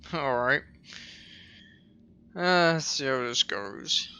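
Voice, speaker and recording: A man's voice: mid-range voice, expressive, slow pace, pushed and bright, smooth, soft background music. A man giving casual, joking commentary while playing through a game. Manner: joking, offhand asides. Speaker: let's player.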